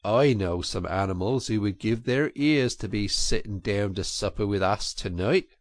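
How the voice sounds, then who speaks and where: A man voicing Ratty, a brisk, cheery male water rat with a hearty, bustling manner. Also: lowish voice, dry recording, close to an everyday voice. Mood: reproachful. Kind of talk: storybook reading.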